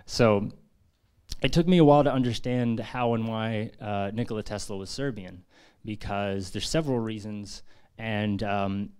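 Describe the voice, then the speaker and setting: In a press centre conference room, an American man introduces his book at a launch, talking earnestly and conversationally with frequent fillers. His voice sits on the low side, a little mellow, clear and resonant, at a moderate pace.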